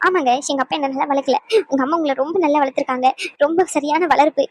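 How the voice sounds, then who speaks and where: A woman's voice: high voice, steady tone, fast, dry recording, close to an everyday voice. A woman voicing a hurt, defiant young pregnant wife in a dubbed cartoon, talking in bitter, sarcastic pleas.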